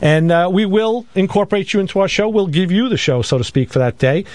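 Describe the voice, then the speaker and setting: A man's voice: sits high, fast, darkish tone, a little hiss or hum. A man co-hosting a car talk radio show in a studio, chatting casually and repeating words as he goes. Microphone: studio mic.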